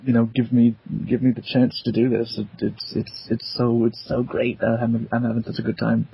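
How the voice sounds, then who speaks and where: A man's voice: mid-range voice, completely flat delivery, normal speed, creaky, slight background noise. A young man, a voice actor, chatting casually and rambling at his desk. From America. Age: young adult. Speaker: voice actor, interviewee. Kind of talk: casual interview chat. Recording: dull, dry lo-fi sound.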